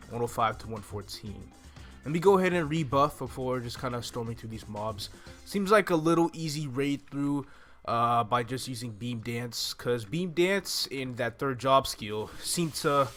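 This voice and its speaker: With game music in the background, a man in his twenties, a gaming YouTuber, narrates a video game walkthrough in a laid-back, explanatory way. His voice is medium-pitched and a bit bright, recorded close on a stand-mounted desktop microphone.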